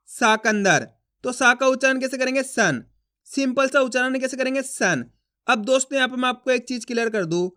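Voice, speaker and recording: A man teaching a reading lesson, asking himself questions and answering them, sounding out syllables slowly. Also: very high voice, pushed and bright, clean tone. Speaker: Hindi teacher.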